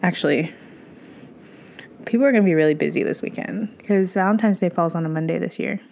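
A woman's voice: fairly low pitch, fairly quick, gravelly, darkish tone, a little hiss or hum. A young woman with a congested, stuffy-nosed voice chatting informally on a solo podcast, rambling and often interrupting herself. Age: young adult. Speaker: podcast host. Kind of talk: casual solo podcast chat.

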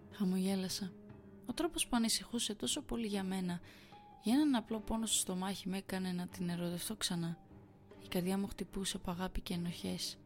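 A woman's voice: mid-range voice, a little mellow. A woman hosting a horror story podcast, reading first-person scary stories and chatting in a friendly way. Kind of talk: reading creepy stories aloud.

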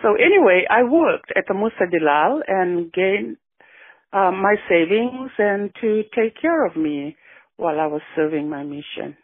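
A woman's voice: mid-range voice, animated, measured pace, breathy edge, dry recording. Retired woman on a phone line. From Fiji. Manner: warm, reflective storytelling with frequent yeahs. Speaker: guest. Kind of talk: casual radio interview. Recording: dry phone-like radio line.

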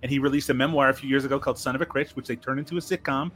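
A man's voice: medium pitch, fairly even intonation, very fast, a bit bright. A man from Newfoundland chatting casually and jokily about films as a podcast guest. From Newfoundland, Canada. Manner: jokey, chuckling talker. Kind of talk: casual film discussion.

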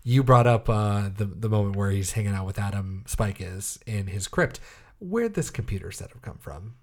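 A man co-hosting a casual podcast over a video call, excitable and quick to laugh. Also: fairly low pitch. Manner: excitable, laughs often, swears. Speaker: podcast co-host. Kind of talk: casual chat on a show rewatch.

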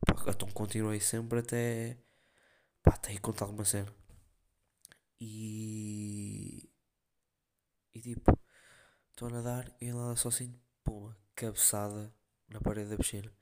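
This European Portuguese-accented young man hosts a podcast, telling meandering stories in slang with lots of fillers. He sounds lowish and dark, with a flat delivery, a slightly slow pace and frequent pauses.

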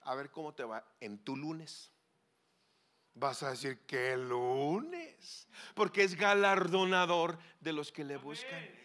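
A man preaching a sermon as a pastor, swinging between loud pleading cries and hushed, low asides. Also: big pitch swings, takes it slowly. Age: 40s or older.

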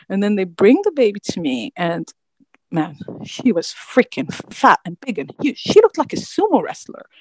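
Animated woman telling a story. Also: dry recording, low-quality recording. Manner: animated, acts out quoted voices with sudden high outbursts. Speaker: mother telling her birth story. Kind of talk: personal storytelling.

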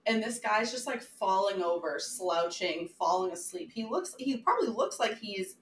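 A woman co-hosting a podcast, telling an animated story in casual chat and acting out quotes. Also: medium pitch, normal speed, roomy sound, distant mic, slight background noise, rough recording. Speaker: podcast co-host.

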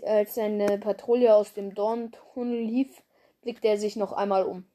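A woman's voice: mid-range voice, dark tone, a little hiss or hum. A young woman reading her own fanfiction aloud, casual and stumbling over words as she corrects herself.

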